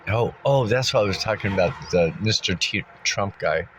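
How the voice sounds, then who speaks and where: Congested from dust and clearing his throat occasionally, a deep-voiced man vlogs in a loose, meandering monologue at a moderate pace, full of fillers and restarts as he thinks aloud. He seems to be in a dusty place, perhaps a car. Faint ambience and a little hiss or hum run beneath him.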